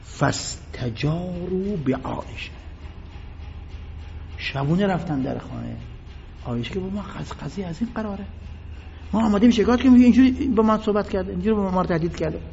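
Male religious lecturer with a high, lively voice and dramatic storytelling, recorded with long hall reverb on dull, lo-fi audio. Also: creaky, long pauses, a little hiss or hum. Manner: reads Arabic passages, then retells them in Persian.

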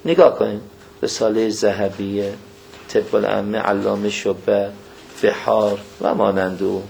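A man preaching a religious lecture, speaking in a folksy way, questioning his listeners directly and quoting scripture in a slow, measured cadence. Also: on the low side, little pitch movement, gravelly, a little mellow, a little hiss or hum.

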